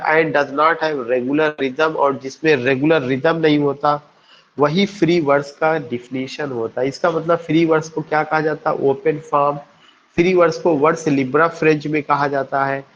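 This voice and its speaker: A man's voice: fairly high pitch, fairly even intonation, a little hiss or hum. Male teacher, lecture, asks and answers his own questions, spells words out, dull lo-fi sound. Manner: reads English text slowly, then explains in Hindi. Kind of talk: classroom lecture on English poetry.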